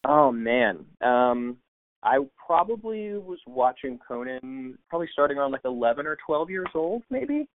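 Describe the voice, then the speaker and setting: A podcast guest from the United States chats casually over a remote call, his mid-range voice very animated and his pace moderate. The interview talk is full of fillers and restarts, and the line sounds tinny, like a phone.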